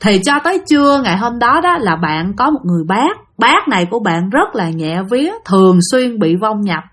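Chatting straight to her audience, a woman recounts a ghost story at a normal speed. She has a fairly bright, mid-range voice that swings widely in pitch.

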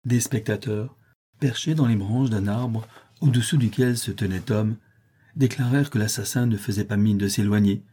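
Low husky man narrating a novel. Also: moderate pace, warm tone. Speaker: audiobook narrator. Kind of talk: scripted narration of a classic novel.

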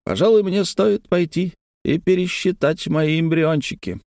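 A man voicing an excitable male scientist who explains things eagerly, in a read-aloud story. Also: high-pitched, a little slow, no room sound, clean studio sound, voice pushed up. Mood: explaining, excited.

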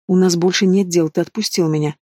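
A man's voice: sits high, fairly even intonation, a little fast, no echo. Guy reading a scared but defiant young woman in an audiobook, snappy lines, dry sound. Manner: sharp and defiant.

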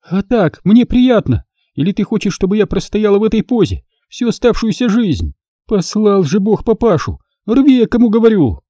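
Male narrator playing a bossy, furious young woman, sharp barked orders, raised pitch. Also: big pitch swings, normal speed, no echo, studio quality. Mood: scolding. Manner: sharp, scolding, commanding.

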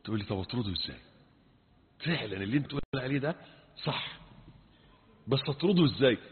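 Egyptian preacher in an echoing hall. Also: male voice, mid-range voice, animated, fast. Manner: emphatic, with rhetorical questions and rising then hushed delivery. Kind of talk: sermon mixing colloquial and classical Arabic. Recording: tinny, phone-like sound with long hall reverb.

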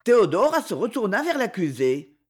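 Brief: woman reading a classic novel, animated and dramatic. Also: medium pitch, normal speed, slightly rough. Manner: expressive, dramatic storytelling. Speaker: narrator.

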